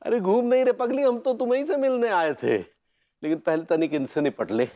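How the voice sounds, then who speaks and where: A man's voice: high-pitched, fairly quick, dark tone, close to an everyday voice. An actor playing a middle-aged man posing as a trendy youngster, with faux-hip, stammering speech. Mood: cocky.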